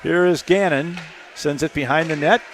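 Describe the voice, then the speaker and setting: A man giving hockey play-by-play commentary, keeping a steady call that jumps to shouts on shots and goals. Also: a little high, moderate pace, slight background noise. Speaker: play-by-play announcer.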